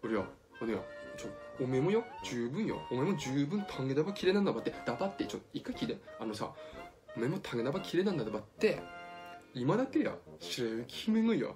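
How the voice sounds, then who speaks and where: A man with a Tsugaru dialect voicing a blunt, teasing magic mirror in a storybook reading, talking roughly with hesitant fillers. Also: mid-range voice, sing-song, fast. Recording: music playing behind.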